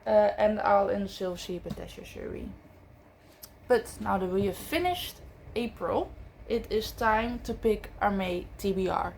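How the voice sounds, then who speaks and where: In an unhurried, gravelly, darkish voice of medium pitch, a woman who learned English as a second language chats about books for her vlog. She uses lots of fillers and keeps correcting herself, and a little background noise can be heard.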